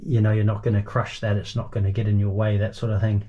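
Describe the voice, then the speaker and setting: A man giving a casual, unscripted walkthrough of a boat's engine room, halting a little as he thinks aloud and points things out. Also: on the low side, flat delivery, mellow, lo-fi sound. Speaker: boat owner giving a tour. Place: small boat engine room.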